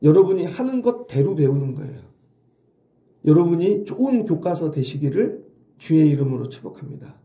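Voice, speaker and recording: A man's voice: fairly high pitch, sing-song, moderate pace, dark tone, roomy sound. A middle-aged male pastor giving an early-morning sermon in a conversational way, often asking the congregation questions. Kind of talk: dawn sermon.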